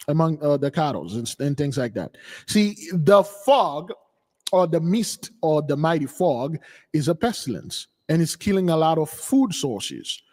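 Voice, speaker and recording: A man's voice: a little high, a little mellow, big-room sound. A man hosting a religious commentary on news clips, talking in a scoffing, repetitive, conversational way. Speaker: host.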